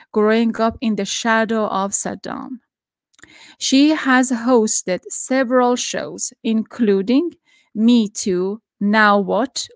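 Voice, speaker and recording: A middle-aged woman from Iran hosts a video-call interview, her voice a little high and recorded dry and close on a studio mic. She talks earnestly, often restarting her sentences. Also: no room sound. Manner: earnest, with frequent restarts and fillers. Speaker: podcast host. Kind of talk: interview introduction and questions. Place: home study with bookshelves. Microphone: studio microphone with headphones on video call.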